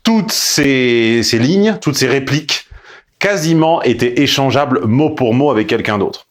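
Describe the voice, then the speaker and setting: A man's voice: medium pitch, animated, measured pace. A man coaching a caller on her dating life, blunt and emphatic, with mocking asides. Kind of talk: casual coaching call.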